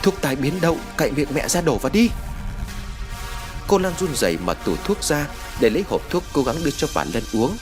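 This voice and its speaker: A man narrating a ghost story from a script in an expressive, dramatic way. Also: medium pitch. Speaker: audiobook narrator. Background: background music.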